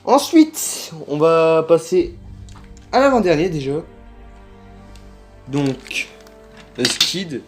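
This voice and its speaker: A man's voice: fairly high pitch, expressive, slow pace, long pauses, soft background music. Chatty man filming a toy unboxing. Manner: chatty, hesitant, many fillers and self-corrections. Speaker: toy collector vlogger. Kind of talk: casual unboxing commentary. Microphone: handheld phone without tripod.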